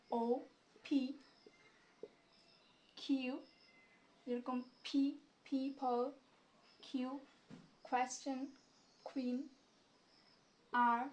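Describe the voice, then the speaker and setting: A woman teaching a spoken English class, slowly saying each letter of the alphabet with many pauses and fillers. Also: high-pitched, a little mellow. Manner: slow, deliberate, hesitant with fillers, spells out letters one by one.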